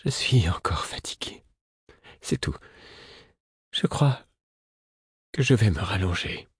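A man voicing a frail, grieving male jester who speaks in a broken, trembling hush. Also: low-pitched, expressive, unhurried, breathy edge, no room sound, studio quality, exaggerated voice. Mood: weary.

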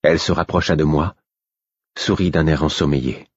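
A man with a very deep, husky voice narrates a fantasy audiobook at a measured pace. The recording is dry and close, with a dull, muffled sound. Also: steady tone, dry recording. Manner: measured storytelling. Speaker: audiobook reader.

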